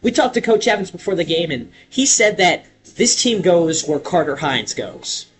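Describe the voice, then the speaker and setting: Over music, a young adult man calls baseball play-by-play like a radio broadcaster, his high voice sing-song. Big plays get dramatic, drawn-out calls.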